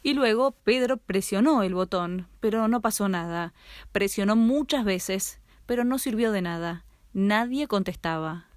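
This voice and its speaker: A woman narrating a first-person story in a dramatic, expressive way. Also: medium pitch, unhurried, no room sound, studio quality.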